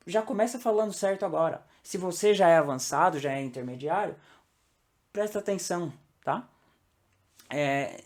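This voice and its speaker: A man teaching English pronunciation in a casual online lesson. He keeps checking in with the viewer and slows down to model each sound. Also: on the high side, darkish tone.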